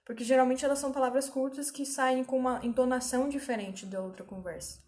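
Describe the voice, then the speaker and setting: A woman, a little higher-pitched than most, teaching an online grammar class. She explains step by step and keeps checking in with her students as she goes. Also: fairly even intonation, fast talker, a little mellow. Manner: patient explaining, frequent check-ins with students.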